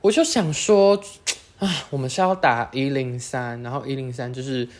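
A high-school-aged speaker with a Taiwanese Mandarin accent, hosting a casual solo chat that rambles and keeps correcting itself. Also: normal speed. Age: late teens. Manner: rambling, self-correcting, chatty. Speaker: podcast host.

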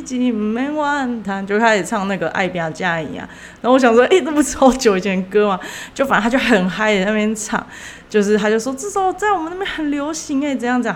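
A woman's voice: medium pitch, a bit bright. A young woman, telling a story casually as a podcast host, rambling with lots of fillers and self-corrections.

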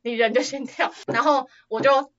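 A young woman with a Taiwanese Mandarin accent, co-hosting a casual podcast, telling an animated story and acting out quotes with frequent laughter. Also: sits high, moderate pace. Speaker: podcast co-host. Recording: dull lo-fi audio.

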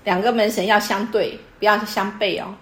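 A woman with a mid-range voice patiently explains customs to a guest in casual conversation, quizzing her along the way like a teacher. Her intonation is fairly even, her pace moderate, and the room sounds echoey.

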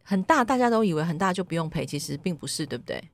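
Woman host, low voice, dry sound, animated and checks for agreement. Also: fast, no room sound. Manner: animated, seeks agreement from listeners. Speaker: podcast host. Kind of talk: casual chat.

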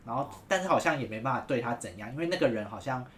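A man's voice: mid-range voice, crowd noise. A man, retelling a locker-room story in casual chat. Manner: fast, animated retelling with laughter. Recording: faint background noise.

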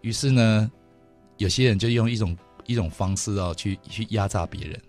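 A middle-aged man with a Taiwanese Mandarin accent hosting a radio talk show, telling stories in an animated way. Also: fairly low pitch, soft background music. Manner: fast, animated storytelling with laughs. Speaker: radio host. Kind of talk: casual radio chat. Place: radio studio.

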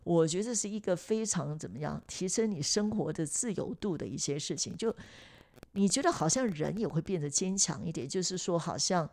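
Gravelly-voiced woman chatting reflectively. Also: on the low side, animated, brisk, a little mellow. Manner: reflective, chatty, many fillers and restarts. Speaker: podcast host. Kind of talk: casual chat.

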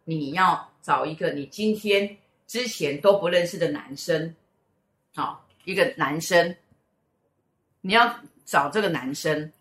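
A middle-aged woman with a Taiwanese Mandarin accent tells a story in casual chat, slipping into the voices of its people. Her voice sits a little low. The room around her rings with echo. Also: measured pace. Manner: animated storyteller who acts out quoted speech. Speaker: host, mother.

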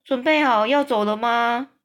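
A woman voicing a huge, gentle, friendly male giant in a storybook read-aloud, talking in a raised, fussy, complaining tone. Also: fairly high pitch, unhurried, voice pushed up, natural voice. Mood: kindly.

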